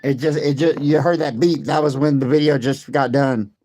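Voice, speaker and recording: A hoarse man who has lost his voice, coughing and talking defensively in casual chat, repeating his points. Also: mid-range voice, fairly even intonation, moderate pace, dark tone, slight background noise. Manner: repetitive, defensive.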